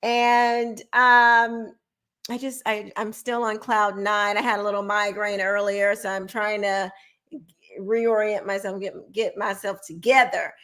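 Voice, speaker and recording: A woman's voice: mid-range voice, flat delivery, measured pace, a bit bright. A woman co-hosting a livestream talk show, upbeat and chatty, with small hesitations. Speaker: co-host. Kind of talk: casual livestream chat.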